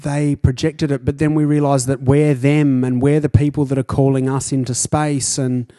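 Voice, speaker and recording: A man's voice: medium pitch, little pitch movement, moderate pace, warm tone, dry recording, studio quality. A man co-hosting a casual podcast, teasing and self-deprecating. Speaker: podcast co-host. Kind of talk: casual chat.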